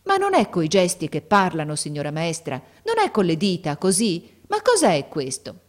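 A woman's voice: on the low side, wildly swooping pitch, normal speed. A woman reading a story aloud, voicing an emotional, anxious father, a gardener who keeps exclaiming. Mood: bewildered. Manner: emotional, exclaiming, rising to near shouts. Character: anxious, overjoyed working-class father, a gardener.

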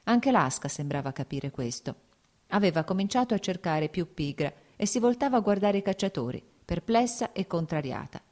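A woman reading a classic novel aloud as an audiobook, steady and measured. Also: on the low side. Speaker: audiobook narrator.

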